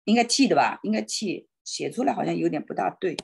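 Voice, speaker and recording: A woman teaching an online Spanish class in Chinese on a video call, thinking aloud and hesitating, slowing down on Spanish words. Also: lowish voice, lively intonation, gravelly, slightly rough.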